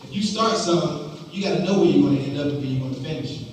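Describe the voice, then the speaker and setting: A man's voice: on the high side, expressive, racing, a little mellow. A young man giving a motivational speech with personal stories in an informal, conversational way. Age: young adult. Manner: informal, conversational delivery with colloquial phrasing. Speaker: motivational speaker. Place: indoor auditorium stage, at a podium. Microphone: gooseneck podium mic, picked up by a distant camera. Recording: echoey hall, distant mic, faint noise.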